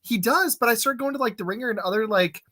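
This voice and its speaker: A man's voice: very high voice, fast, a loud crowd. A man in his thirties hosting a casual sports podcast, rambling with lots of fillers and restarts. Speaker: podcast host.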